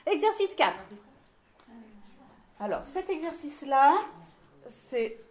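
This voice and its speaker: Lively woman directing a choir rehearsal. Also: high-pitched, slow pace, roomy sound. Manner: encouraging, explains while demonstrating by singing.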